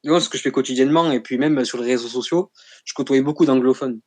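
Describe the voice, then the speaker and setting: A young man who is a guest in a casual chat, speaking in a slangy, chatty and animated way. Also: medium pitch, fast talker, no echo. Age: young adult.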